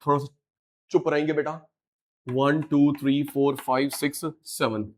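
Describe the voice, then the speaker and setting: A middle-aged man teaching a live online class, animated and coaxing, repeating key words to his students. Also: a little high, unhurried.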